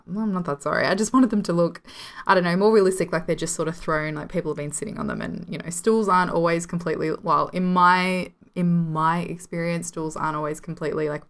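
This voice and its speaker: A young woman with an Australian accent and a slightly low voice rambles through casual commentary at her desk. She giggles often, apologizes for her rambling and pokes fun at herself. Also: steady tone, a little fast, gravelly, fairly bright tone. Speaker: video game building channel host. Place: home room.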